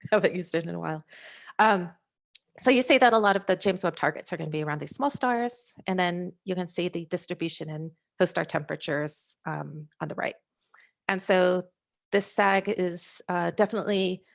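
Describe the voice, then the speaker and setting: A woman scientist presenting slides over a video call, talking in a halting way with frequent fillers and restarts. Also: lowish voice, vocal fry. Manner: hesitant, many fillers and restarts. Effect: heard over a video call. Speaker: scientist presenting a working-group overview.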